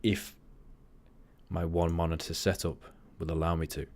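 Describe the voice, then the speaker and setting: A man hosting a livestream, chatting casually in a monotone way and often drifting off topic. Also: low-pitched, moderate pace. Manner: rambling, easily sidetracked. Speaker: livestream host.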